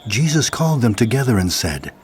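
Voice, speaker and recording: A man narrating a dramatized Bible reading in a steady, clear storytelling manner. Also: mid-range voice, fairly quick, a little hiss or hum. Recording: narration over music bed.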